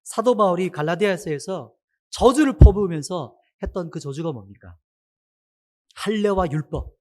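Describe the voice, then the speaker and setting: A man preaching a sermon to his congregation, asking them many questions. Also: sits high. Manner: asks the congregation many questions, animated rise and fall.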